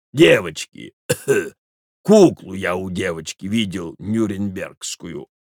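Male reader voicing a doddering elderly husband, low and gravelly, slow. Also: animated, no echo, studio quality, exaggerated voice. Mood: drowsy. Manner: slow, mumbling, coughing. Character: frail old male husband, doting and fussy.

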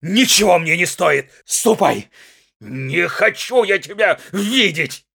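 A man reading aloud, voicing a slightly drunk, jealous husband who shouts and berates his young wife in high, strained yells. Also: animated, drawn-out words, no echo, studio quality, full character voice. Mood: raging. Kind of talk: dramatic audiobook reading.

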